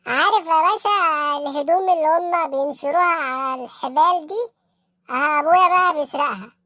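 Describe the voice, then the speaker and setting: This studio-quality clip, with no room sound, features a performer whose high voice is pushed, bright and a little fast. With an Egyptian accent, they play a naive young street hustler, a respectful petty-crime suspect, in an Egyptian comedy cartoon, sounding earnest, deferential and matter-of-fact.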